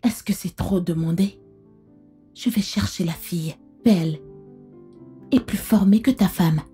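A woman's voice: lowish voice, measured pace, mellow, faint music behind, lightly acted. A woman dubbing a pushy, scheming older mother-in-law in a film, with a coy, insinuating way of talking. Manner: insinuating, coy about blunt topics. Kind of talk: French film dub.

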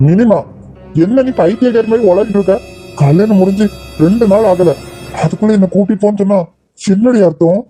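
A man's voice: sits high, fairly quick, dark tone, faint music behind, close to an everyday voice, rough recording. A man voicing a protective young male friend in a cartoon drama, scolding and lecturing in Kanyakumari Tamil.

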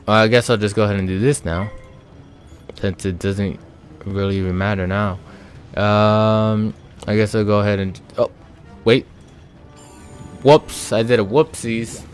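A man with a fairly low voice talks his way through a game at an unhurried, drawn-out pace. He thinks aloud with plenty of ums and sighs, in casual let's-play commentary, with faint game music behind him. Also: steady tone. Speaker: gaming channel host.

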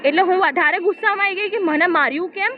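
A woman giving a steady first-person account of an incident, quoting what was said to her. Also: very high voice, fast talker. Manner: steady retelling, quotes dialogue. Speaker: complainant giving a statement. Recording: tinny phone-like audio with faint noise.

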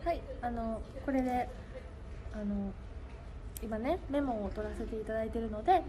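A woman's voice: on the high side, normal speed. Give me a giggly young Kansai-accented woman chatting on a livestream with a noisy background hiss. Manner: giggly, breaks into laughing fits. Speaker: idol livestream host. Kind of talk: casual livestream chat.

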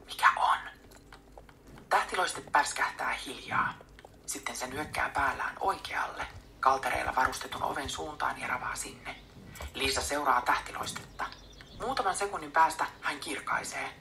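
A woman reading a book aloud in a soft, unvoiced whisper, as an audiobook reader. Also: very deep voice, gravelly, a little hiss or hum.

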